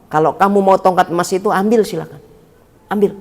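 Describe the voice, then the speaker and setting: A man voicing an old male holy man who speaks softly, slowly and gravely. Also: high-pitched, steady tone, in a large hall. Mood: sorrowful. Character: old male saint, gentle and sorrowful. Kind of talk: acted quote within a sermon.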